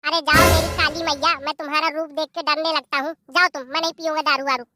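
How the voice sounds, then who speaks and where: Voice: high voice, level tone, fast, over loud music, lightly acted. A performer voicing a boozy, teasing adult son-in-law. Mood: irritated. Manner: teasing, wheedling.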